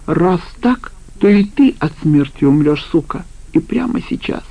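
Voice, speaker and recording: A brutal male ex-convict, read by a woman narrator, harsh and threatening. The voice is gravelly, and the audiobook recording sounds dull and lo-fi. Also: sits low, animated, measured pace, exaggerated voice. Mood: menacing.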